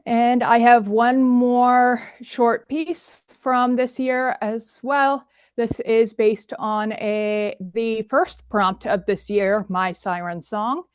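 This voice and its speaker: Slow, lilting woman storyteller. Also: a little high, fairly even intonation, smooth, no room sound. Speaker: storyteller and bard. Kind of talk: poetry reading and introduction at an open mic.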